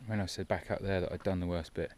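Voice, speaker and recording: A man with a very low voice, out of breath as he picks his way down a mountain outdoors. His talk is loose and chatty, vlog-style. A faint hiss sits behind him. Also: steady tone, fast talker, a little mellow. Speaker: hiking vlogger. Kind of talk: casual hiking vlog commentary. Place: outdoors on a steep mountain descent.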